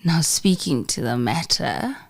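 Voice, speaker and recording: A woman hosting a casual interview, talking slowly and chiming in often. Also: low-pitched, big pitch swings, creaky. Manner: slow, warm-hearted, chimes in often. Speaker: host.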